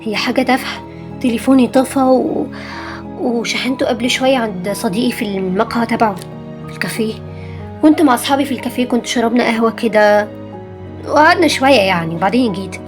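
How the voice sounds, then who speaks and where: A teenage girl voicing an evasive young fiancé with an Egyptian Arabic accent, in an amateur animated drama. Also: a little high, over music, natural voice. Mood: defensive. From Tunisia. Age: teen. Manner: offhand, defensive, halting. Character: young man, evasive fiancé making excuses.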